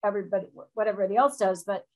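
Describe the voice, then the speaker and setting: A woman's voice: mid-range voice, very fast, background noise. Chatty older woman from Florida. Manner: chatty, self-deprecating, rambling. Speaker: student. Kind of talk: casual chat. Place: home room. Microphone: video call.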